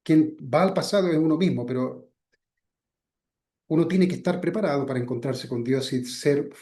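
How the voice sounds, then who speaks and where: A man giving a spiritual teaching talk. He keeps addressing his listener by name, often lets his voice sink softly at the ends of phrases, and checks in with short questions. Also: on the high side, normal speed. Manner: asks frequent checking questions.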